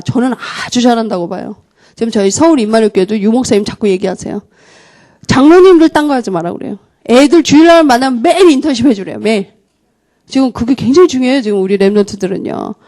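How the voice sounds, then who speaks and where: Middle-aged female evangelist, youth sermon, lively storyteller acting out every voice, higher pitch, wide swings. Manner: animated storytelling, acting out dialogue.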